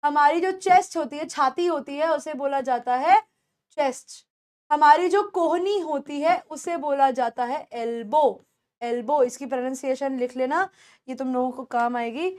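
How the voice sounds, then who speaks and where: A young woman with an Indian accent, teaching a beginners' English lesson in Hindi mixed with English, repeating words slowly for pronunciation. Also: high-pitched, darkish tone.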